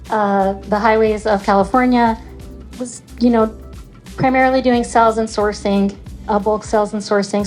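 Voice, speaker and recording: A woman introduces herself as a panelist before a live audience. Her delivery stays flat and level, with plenty of ums and uhs, and soft music runs underneath. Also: mid-range voice. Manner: steady, with frequent um and uh fillers.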